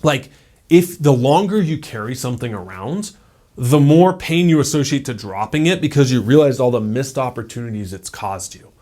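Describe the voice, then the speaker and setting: Man, 30s, motivational talk to camera, casual, chatty, mid-pitched voice. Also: animated, normal speed, mellow. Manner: casual, conversational, peppered with "like" and "right?". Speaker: self-improvement YouTuber.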